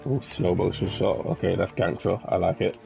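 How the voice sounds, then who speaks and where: A man chats through live gameplay as a variety streamer and reacts aloud to the game. His voice is gravelly and dark, set a little low. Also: moderate pace, faint music behind, poor audio. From London.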